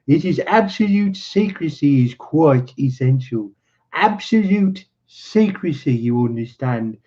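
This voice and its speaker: A man voices a secretive, insistent German colonel in his late thirties from a storybook, speaking formally and guardedly in a fairly high, animated, slightly slow voice with a dark tone. The recording is dull, muffled and lo-fi.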